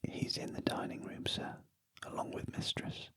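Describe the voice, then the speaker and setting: A British man voicing a helpful young Victorian servant girl in a breathy whispered role-play from a storybook. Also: moderate pace, sharp tone, close to an everyday voice. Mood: deferential.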